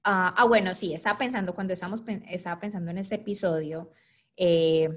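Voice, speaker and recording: A woman co-hosting a podcast in casual chat, with a Latin American Spanish accent. Her voice sits a little low, and she talks in an earnest, reflective, talkative way. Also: steady tone, brisk. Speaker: podcast co-host.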